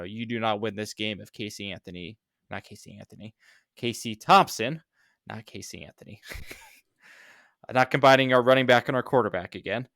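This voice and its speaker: Male podcast co-host, low resonant voice, dry close sound, sarcastic and rambling. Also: a bit bright, clear, resonant tone, no room sound. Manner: sarcastic, rambling with many fillers. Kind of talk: casual sports podcast chat.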